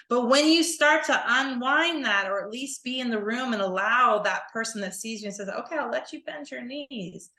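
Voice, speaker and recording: Woman, yoga teacher, bright tense voice, animated chat, echoey room. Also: mid-range voice. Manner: animated, acts out students' panicked voices. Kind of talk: casual podcast chat.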